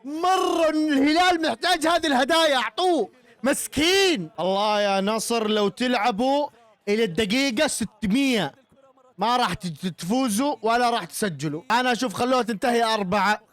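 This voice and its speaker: High-voiced excitable Saudi man. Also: fairly quick, dry recording. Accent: Saudi Gulf Arabic. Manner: shouting, laughing, teasing the rival fans. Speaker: football reaction streamer. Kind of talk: excited live match reaction.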